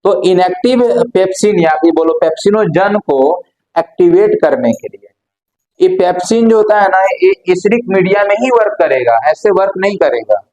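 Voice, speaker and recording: A man's voice: sits high, animated, moderate pace, a little mellow, poor audio. A male biology teacher, lecturing casually, firing questions at the class and answering them himself. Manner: asks questions and answers them himself, calls students brother.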